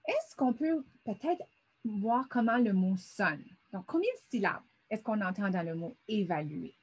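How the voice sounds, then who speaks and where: A woman's voice: medium pitch, sing-song, measured pace, slightly rough. A middle-aged woman teaching a vocabulary lesson over a screen, patiently sounding words out syllable by syllable.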